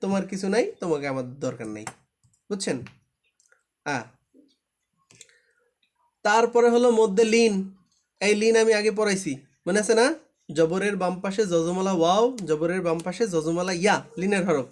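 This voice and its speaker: A man's voice: high-pitched, moderate pace, long pauses, a little hiss or hum. A man teaching Quran recitation in a live online class, patient and repetitive, often checking that students understand.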